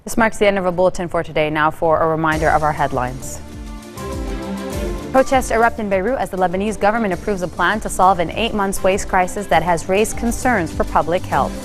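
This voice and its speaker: A woman anchor reading a scripted news bulletin in a steady, even delivery, with faint music behind her. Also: fairly low pitch, brisk.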